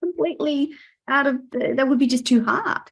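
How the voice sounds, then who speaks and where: A woman's voice: sits high, brisk, creaky, a bit bright. A woman from Australia with an Australian accent, interviewing a guest in a conversational style.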